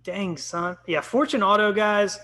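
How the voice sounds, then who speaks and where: Bright, upbeat man hosting a podcast. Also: high-pitched, unhurried. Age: 30s. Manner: upbeat, chatty, lots of ums. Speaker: podcast host. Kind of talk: casual live-stream podcast chat.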